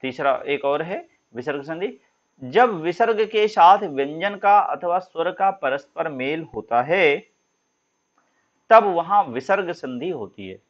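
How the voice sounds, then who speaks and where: A man's voice: on the high side, animated, slow pace, dull audio. A man teaching Sanskrit grammar in a classroom style, patiently explaining and drawing out example sounds for students. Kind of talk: classroom lesson.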